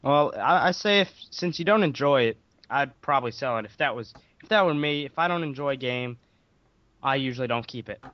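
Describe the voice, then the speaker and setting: A man's voice: medium pitch, animated, brisk, dry recording, muffled recording. A young man co-hosting a casual podcast, speaking hesitantly with lots of ums and likes. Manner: hesitant, filler-heavy. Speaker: podcast co-host.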